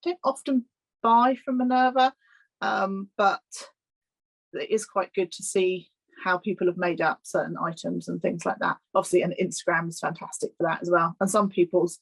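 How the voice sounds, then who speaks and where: A woman in her thirties, a guest on a video-call interview, speaking in a relaxed, hesitant way with frequent ums and small laughs. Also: lowish voice, moderate pace, creaky, breathy edge, rough recording. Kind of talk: casual interview chat.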